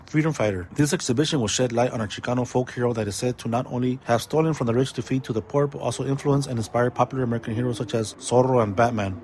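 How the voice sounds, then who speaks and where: A man's voice: mid-range voice, a little mellow, a little hiss or hum. A man hosting a community events segment, reading out announcements, dates, phone numbers and web addresses. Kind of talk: read announcements.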